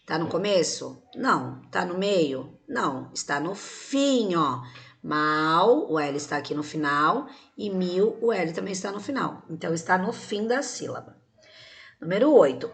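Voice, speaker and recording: Patient Brazilian woman teaching young children. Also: on the low side. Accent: Brazilian Portuguese. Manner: patient, explains step by step with questions and tag words; uses diminutives, speaks gently to children. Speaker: primary school teacher. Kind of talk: recorded video lesson for young children.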